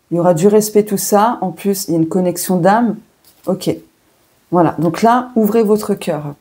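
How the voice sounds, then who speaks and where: A French woman gives a casual oracle card reading to her viewers, thinking aloud and filling pauses as she turns each card. Her voice is dark and mellow, with a husky, slightly breathy edge. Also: medium pitch. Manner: chatty, thinks aloud with many fillers and self-asides. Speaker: tarot and oracle card reader.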